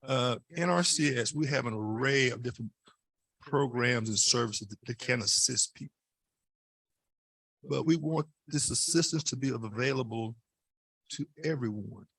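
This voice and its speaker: A man's voice: mid-range voice, moderate pace, creaky, a bit bright, husky, dry recording. An older man giving a conference talk as an outreach official, telling homespun anecdotes and building to emphatic points. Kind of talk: storytelling speech.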